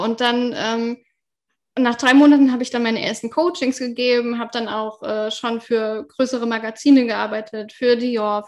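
A young woman telling her work story in a casual podcast chat, laughing often between fillers. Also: on the high side. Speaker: podcast guest.

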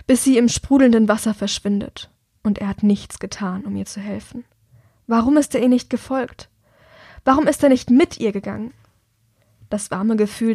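A woman reading a novel aloud in calm, measured scripted narration. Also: medium pitch, no room sound, studio quality. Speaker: audiobook narrator.

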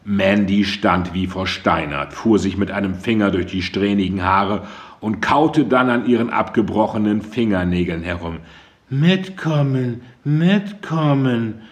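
A man narrating a crime novel in a measured, dramatic way. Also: low voice. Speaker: audiobook narrator. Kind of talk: scripted narration.

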